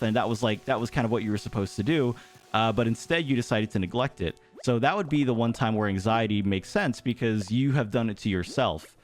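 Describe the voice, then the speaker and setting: A young man giving thoughtful, rambling advice in a casual talk over gameplay, with many fillers and restarts. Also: mid-range voice. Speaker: gaming YouTuber.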